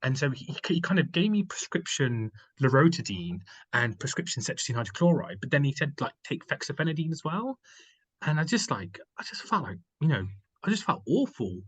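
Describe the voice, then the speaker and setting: Husky man telling a rambling story. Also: on the high side, big pitch swings, brisk. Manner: rambling, filler-heavy storytelling with many "like"s. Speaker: podcast guest. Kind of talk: casual chat.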